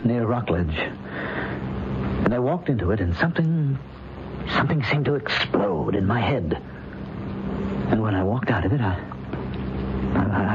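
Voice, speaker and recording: A man playing a bewildered, frightened modern man in an old-time radio drama, speaking haltingly and with agitation. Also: mid-range voice, natural voice. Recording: muffled, noisy vintage radio recording.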